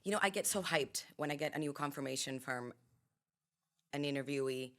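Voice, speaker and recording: A woman's voice: sits low, brisk, fairly bright tone. Playful woman interviewer. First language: Spanish. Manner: playful, teasing questions. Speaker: interview host. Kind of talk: casual interview conversation.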